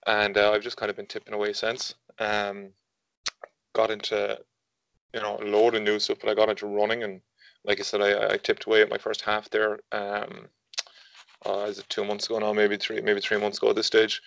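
A man's voice: on the low side, completely flat delivery, a little fast, creaky, fairly bright tone, dry recording, dull audio. A man in his twenties with a west of Ireland accent, chatting informally and a little hesitantly as a podcast guest. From Galway, Ireland. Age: 20s. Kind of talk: casual interview chat.

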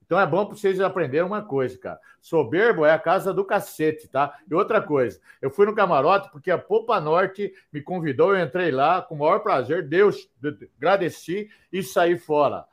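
A man's voice: fairly high pitch, lively intonation, normal speed, few pauses. An older man, nervous and cursing as he stammers through a heated rant on a video call.

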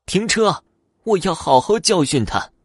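A man's voice: fairly low pitch, sing-song, unhurried, creaky, no room sound, studio quality, full character voice. Man doing an old ghost granny. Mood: menacing. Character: old woman ghost on a night bus, fierce then kindly.

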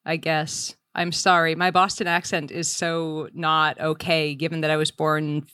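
A woman's voice: low-pitched, level tone, a little slow, bright, forceful tone, smooth, dry recording. A woman from Massachusetts in her late thirties, co-hosting a casual podcast chat with bawdy, laughing banter. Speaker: podcast co-host.

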